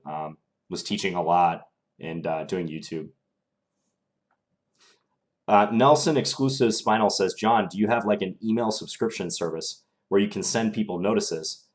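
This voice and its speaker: Low in pitch and slightly strained, a young man's voice carries a live chess stream where he comments on his games and takes viewer questions in an easygoing, thinking-aloud way.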